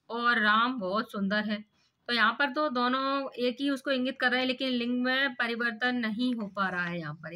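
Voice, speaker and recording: A woman teacher works through an exam paper one question at a time. She explains every answer in steps and keeps asking rhetorical questions as she goes. Her voice sits a little high with a crisp, bright edge. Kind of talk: exam paper walkthrough lesson.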